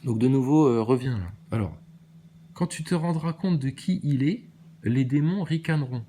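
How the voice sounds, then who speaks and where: A man's voice: medium pitch, lively intonation, normal speed, warm tone, a little hiss or hum. A man giving a ranting monologue to his commenters, combative and preachy with a sarcastic edge. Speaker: video maker answering viewer comments.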